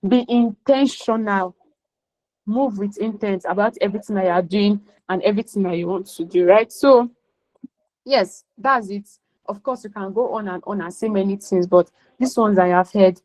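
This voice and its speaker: A woman's voice: mid-range voice, rough recording. Emphatic Nigerian woman coaching a class. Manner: emphatic, mixes in Nigerian Pidgin. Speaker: career coach. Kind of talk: motivational class talk.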